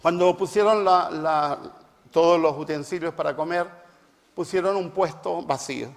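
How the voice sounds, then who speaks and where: Middle-aged guy giving a sermon, high voice, hammers home points by repeating them, long hall echo. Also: moderate pace. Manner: emphatic, repeats phrases for stress. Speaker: preacher and family therapist. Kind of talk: reflective talk with personal anecdotes. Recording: long reverb, large hall sound.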